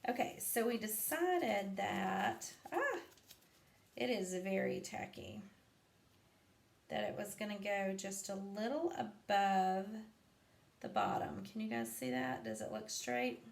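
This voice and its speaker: Slow-talking chatty woman in an echoey room. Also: mid-range voice, wildly swooping pitch, gravelly. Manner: chatty, rambling, full of ums and asides. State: sleepy, yawning. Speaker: craft vlogger. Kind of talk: live craft demonstration. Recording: echoey room, faint background noise.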